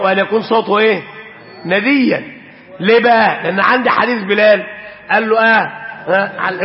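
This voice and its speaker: A man with an Egyptian accent teaching a religious lesson, repeatedly calling for attention and pausing so students can finish his sentences. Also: high voice, big-room sound, dull audio. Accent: Egyptian Arabic. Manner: prompts students with fill-in questions and repeats 'pay attention'. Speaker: sheikh teaching Islamic jurisprudence.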